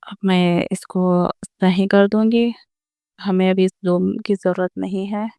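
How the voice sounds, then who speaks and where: A woman gives an online recitation lesson in a very clear, smooth voice at a mid pitch. She explains each rule patiently and slows right down to sound out the example words. The recording is dry and close. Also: steady tone, warm tone, no room sound. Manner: patient step-by-step explaining, repeating each point; addresses viewers directly. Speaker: Quran recitation teacher.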